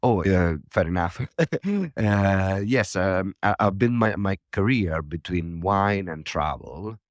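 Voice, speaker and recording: A man's voice: low voice, expressive, takes it slowly, dry recording. A man from southern Italy with an Italian accent, a wine professional answering interview questions in a friendly way and laughing often. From Puglia, Italy. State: morning voice. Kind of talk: casual interview over a phone call.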